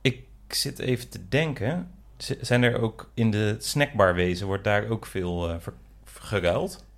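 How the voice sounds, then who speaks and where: A man's voice: fairly low pitch, a little slow. A man co-hosting a comedy podcast, chiming in with short, dry additions. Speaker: podcast co-host. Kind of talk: casual comic chat.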